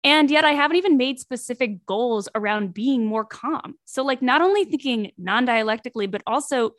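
A woman's voice: a little high, animated, normal speed, fairly bright tone, no echo, clean studio sound. Young woman, candid and reflective. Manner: reflective, candid, uses many likes. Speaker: podcast panelist, grad student. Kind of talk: casual podcast chat.

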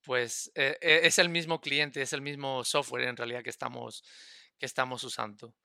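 A man with a very bright, crisp voice explains technology as a podcast guest. He talks in a stop-start way and often repeats words while he searches for the next one. The sound is dry and close. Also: mid-range voice, steady tone, moderate pace, no echo. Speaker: guest expert.

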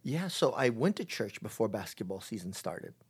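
A middle-aged man talking reflectively as an interview guest, halting often and restarting his sentences. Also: on the low side, sing-song, husky. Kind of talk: casual conversation.

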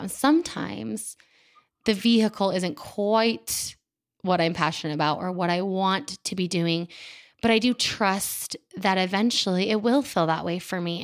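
A woman in her thirties talking into a microphone in a candid, chatty, self-deprecating monologue as a podcast host. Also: mid-range voice. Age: 30s. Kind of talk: casual personal monologue. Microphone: studio microphone.

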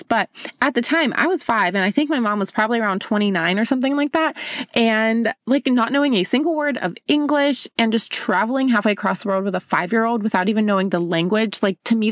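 A woman in her twenties who spent her childhood in Bulgaria and was raised in America hosts her own podcast, talking solo in an upbeat, chatty way and calling the listener babe. Her voice is medium-pitched, recorded dry with clean studio sound.

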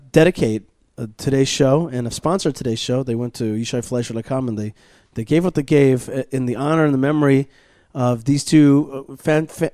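An Israeli man hosts a radio talk show from a studio at a learning center, chatting casually and doing sponsor plugs full of restarts and fillers. His voice is medium-pitched and warm, and the studio-quality recording has no echo.

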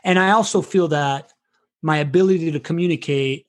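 A man in his forties from Venezuela, chatting casually, loose and animated, swearing and laughing often. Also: on the high side, a little fast. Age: 40s. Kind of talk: casual chat.

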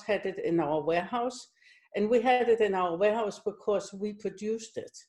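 A middle-aged Danish executive, whose first language is Danish, answers interview questions in a conversational way. Her voice is mellow and sits at a medium pitch.

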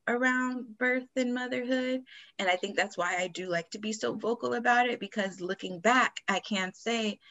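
Chatty woman telling a story. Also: medium pitch. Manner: chatty, animated storytelling with frequent laughs; frequent fillers like "like" and "you know". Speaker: podcast co-host. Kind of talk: casual podcast chat.

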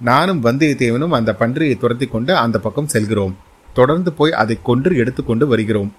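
A man's voice: mid-range voice, fairly quick, slightly rough, lightly acted. Fierce young prince in an audio story, commanding and challenging, voiced by a male narrator.

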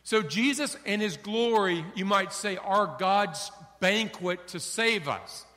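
A middle-aged male pastor preaching a sermon, animated, acting out little dialogues for his congregation. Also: sits high, takes it slowly. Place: church sanctuary. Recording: long hall reverb.

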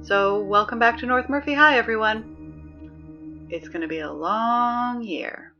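In an audio drama, a woman plays a reluctant high school announcer who is easily flustered, awkward and deadpan, tossing in weary, exasperated asides. The mood is tired and uneasy, the pace slow, with dull audio and soft background music.

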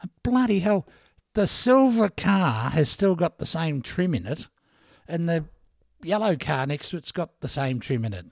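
A man's voice: a little high, lively intonation, a little slow, creaky, dry recording, studio quality. An older Australian man hosting a podcast, telling anecdotes in a chatty, laughing way. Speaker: podcast host. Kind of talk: storytelling monologue.

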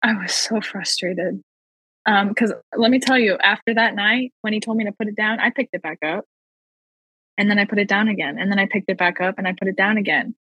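A woman talking as a podcast guest, sharing a personal faith testimony in an earnest way and slowing down to stress key phrases. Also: medium pitch, pushed and bright, breathy edge, no echo, dull audio.

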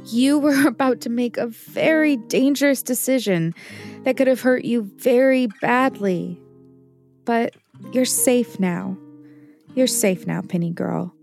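A woman playing a caring mother who calmly explains kitchen safety to her child in a children's show. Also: a little high, unhurried, vocal fry, faint music behind. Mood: reassuring. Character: caring mother, warm and reassuring.

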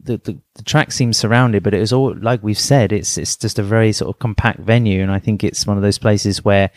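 A man's voice: fairly low pitch, steady tone, brisk, no echo, clean studio sound. A middle-aged man co-hosting a podcast, talking things through in a thoughtful, rambling way with many fillers. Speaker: podcast co-host. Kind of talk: casual chat.

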